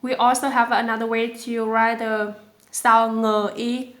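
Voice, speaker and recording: Slow-speaking woman with a Vietnamese accent. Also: fairly high pitch, level tone, roomy sound. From southern Vietnam. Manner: slow and careful, repeating sounds aloud. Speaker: language teacher. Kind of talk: pronunciation lesson.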